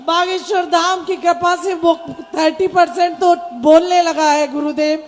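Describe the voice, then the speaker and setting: A woman's voice: very high voice, fairly even intonation, unhurried. A woman devotee from India speaking on stage, emotional, pleading and grateful. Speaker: devotee from the audience. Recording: echoey stage mic with long reverb.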